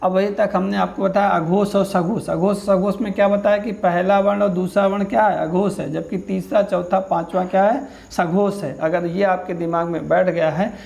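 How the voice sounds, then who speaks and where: A man's voice: sits high, normal speed, creaky, few pauses. A male teacher giving an exam-prep grammar lesson, asking questions, then answering and repeating them patiently. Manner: steady, patient explaining.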